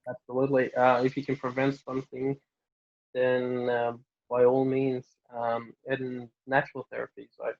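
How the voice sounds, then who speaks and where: In this clip, a young Norwegian family doctor speaks at normal speed in a mid-range voice, casually answering interview questions with lots of fillers and restarts. The high frequencies are cut off.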